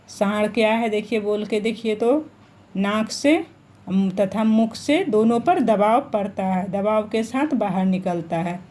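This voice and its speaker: With a mid-range, dark-toned voice, a woman teaches children an online Hindi grammar lesson. She repeats each point and quizzes them as she goes.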